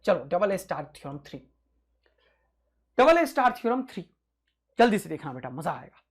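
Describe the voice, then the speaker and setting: A male physics teacher giving an exam-prep lecture, energetic and rousing, repeating key points to his students. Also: sits high, normal speed, slightly rough.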